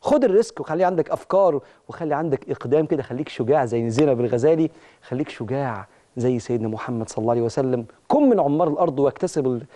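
A man's voice: medium pitch, warm tone. A man with an Egyptian accent hosting a religious motivational talk show, preaching emphatically and speaking straight to his listeners.

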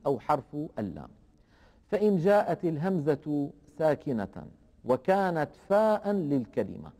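A man teaching a lesson on the rules of Quranic reading, explaining slowly and deliberately and drawing out the example words. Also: fairly high pitch, warm tone, in a large hall.

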